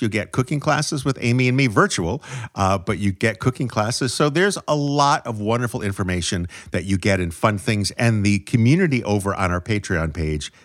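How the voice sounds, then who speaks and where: A male podcast co-host chatting casually, wry and talkative. His pitch swings freely through a mid-range voice. The recording is dry and close, with no room sound. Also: fairly bright tone, no room sound.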